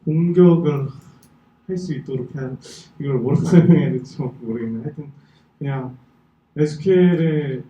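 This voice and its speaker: A twenty-year-old man giving an informal technical talk, halting as he searches for words, with slightly impaired articulation after dental work. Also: a little high. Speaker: conference presenter. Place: indoor talk venue. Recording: muffled, echoey room, distant microphone.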